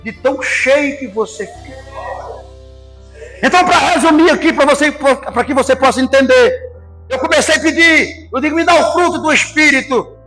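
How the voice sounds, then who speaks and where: A man in his fifties preaches a personal testimony with a strikingly high voice. He talks in a folksy, impassioned way, dropping to a hush and then rising loud. Soft music plays faintly behind him. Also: normal speed. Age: 50s. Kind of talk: sermon testimony.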